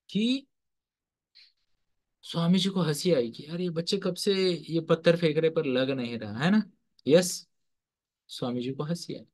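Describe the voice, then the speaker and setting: A man with a slightly high voice leads a motivational lesson, telling stories like a teacher and counsellor. He often stops to quiz his listeners and moves freely between Hindi and English phrases. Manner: quizzes listeners with repeated questions. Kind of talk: motivational storytelling lecture.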